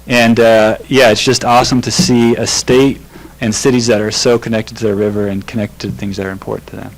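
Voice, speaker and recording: A man's voice: lowish voice, little pitch movement, fairly quick, poor audio. A young man from California giving casual, rambling, upbeat remarks about a river trip at a city council meeting. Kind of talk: informal public remarks.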